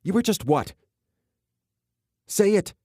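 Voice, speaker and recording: A man voicing a furious, heartbroken young woman who shouts with a cracking voice in a romance audiobook. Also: on the high side, lively intonation, moderate pace, dry recording, studio quality, pitched above the performer's own voice, close to an everyday voice.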